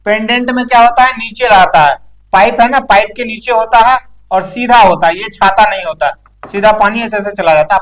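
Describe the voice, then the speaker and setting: A male instructor with a high-pitched, fairly bright voice walks through practical technical material informally. He explains step by step and frequently tacks on short check-in tags so the learner keeps up.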